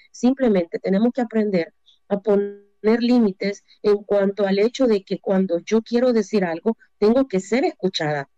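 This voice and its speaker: Salvadoran woman in her fifties, counsels on relationships, asks and answers her own questions, warm voice, dry room. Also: mid-range voice, no echo. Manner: asks rhetorical questions and answers them, hesitant fillers. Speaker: relationship speaker. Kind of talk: relationship advice talk. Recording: dull lo-fi dry recording.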